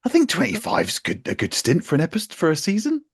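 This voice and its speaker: A man's voice: high voice, wildly swooping pitch, fast, creaky, husky, no echo, clean studio sound. A man co-hosting a podcast in casual banter, rambling and restarting his sentences with chuckles. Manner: rambling, self-interrupting, chuckling. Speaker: podcast co-host.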